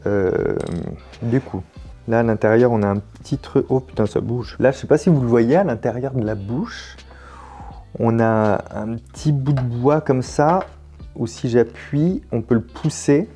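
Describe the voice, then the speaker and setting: A man's voice: mid-range voice, a little slow, dark tone, faint music behind. A French man hosting a puzzle video, thinking aloud casually as he works, with jokes and mild swearing. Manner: casual, swears in surprise, jokey.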